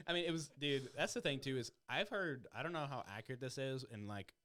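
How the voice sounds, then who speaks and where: A man's voice: mid-range voice, quick pace, a bit bright. A man hosting a podcast in casual chat, rambling and swearing freely. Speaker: podcast host.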